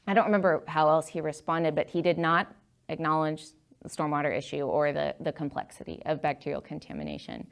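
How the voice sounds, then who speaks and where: A woman with a low, smooth voice gives a casual talk with audience questions in a meeting room. Speaking at a public meeting, she sounds chatty and hesitant, full of fillers and restarts.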